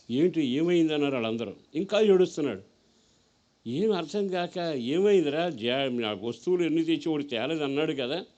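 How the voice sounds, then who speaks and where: A man's voice: on the high side, highs cut off. A man with a Telugu accent preaching a sermon, telling a story with voiced characters and putting questions to his listeners. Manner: rises to loud exhortation.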